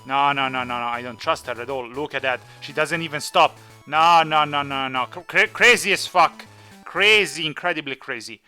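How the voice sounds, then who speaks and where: A man's voice: on the high side, normal speed, bright, forceful tone, clear, resonant tone, soft background music. A man hosting a gaming video with casual, playful commentary, teasing the characters as he plays. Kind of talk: casual Let's Play commentary.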